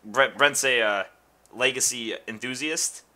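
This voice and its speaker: Bright-voiced young man in banter. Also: medium pitch. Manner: joking, quick banter with stammered restarts. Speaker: co-host of card review. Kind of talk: casual chat.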